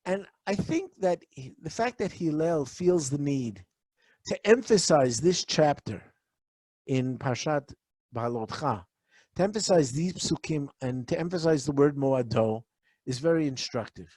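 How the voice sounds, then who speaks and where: A male teacher with a fairly high voice gives a Torah lesson in a dry, close recording with no room sound. He presses his listeners with rhetorical questions and reads long Hebrew verses aloud between them. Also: expressive, a little slow, darkish tone, breathy edge, no echo. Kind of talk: lecture on a weekly Torah portion.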